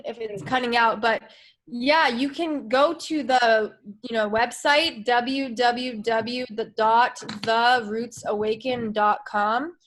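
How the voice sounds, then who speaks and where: A woman's voice: fairly high pitch, fairly bright tone. Earnest woman on a video call. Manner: earnest, searching for words. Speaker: guest filmmaker and activist. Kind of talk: casual interview over a video call. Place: outdoors in a jungle.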